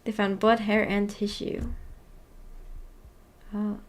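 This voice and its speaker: This streamer runs a visual novel book club, giggling through casual, rambling chat about the story while puzzling over things and questioning herself. Her mid-range voice is flat in delivery and slow. A little hiss or hum sits under the audio.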